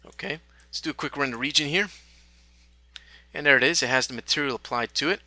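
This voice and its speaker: A man teaching a software tutorial, talking through each step in a relaxed way with small fillers. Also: medium pitch, fast talker, no echo. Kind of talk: screen-recorded software tutorial.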